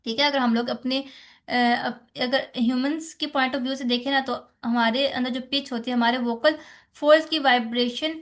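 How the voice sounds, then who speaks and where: Pakistani woman lecturer, high voice, explains patiently, asks questions and answers them herself. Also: fairly even intonation, normal speed, fairly bright tone. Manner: explanatory, repeats rhetorical questions and "theek hai". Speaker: teacher. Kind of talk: exam-focused lecture on phonetics.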